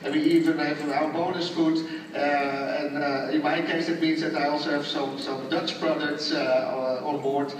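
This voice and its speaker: A man, an astronaut, answering students in a friendly, hesitant way with many pauses, heard over a space station radio downlink. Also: on the high side, level tone. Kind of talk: casual explanatory answers. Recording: echoey, distant, noisy radio link.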